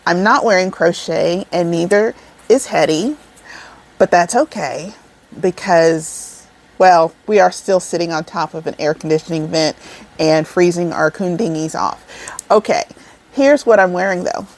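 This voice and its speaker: A woman's voice: on the low side, measured pace. A woman in her forties chatting casually to her viewers, rambling and calling them y'all, seated indoors. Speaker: crochet vlogger. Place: indoors, seated over an air vent.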